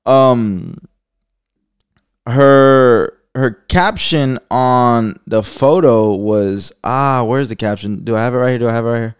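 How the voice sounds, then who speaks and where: A man's voice: mid-range voice, takes it slowly, smooth. A man hosting a casual commentary show, talking in loose, slangy, profane bursts and laughing often. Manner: loose, rambling delivery with restarts. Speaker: commentary channel host.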